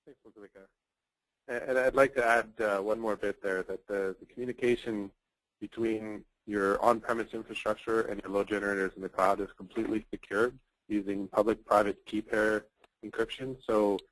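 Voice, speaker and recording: Male webinar presenter, low voice, dry close recording, lots of "uh" and restarts. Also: fairly even intonation, moderate pace, a bit bright, no room sound, poor audio. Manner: fluent with frequent fillers and repeated words. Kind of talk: technical product webinar.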